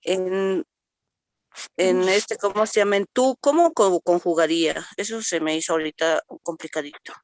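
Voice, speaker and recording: Hesitant class student, halting speech with restarts, dry close sound. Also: medium pitch, dry recording. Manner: hesitant, stumbling over words. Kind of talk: asking questions in an online class.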